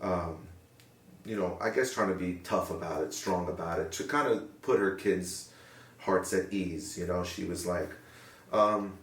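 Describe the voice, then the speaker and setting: Low-voiced young guy in an interview, thoughtful and earnest, kinda far from the mic, echoey room. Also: a little slow, a bit bright. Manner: earnest, reflective, searching for words. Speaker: interviewee, paramedic. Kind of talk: sit-down interview. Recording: roomy sound from a distant mic.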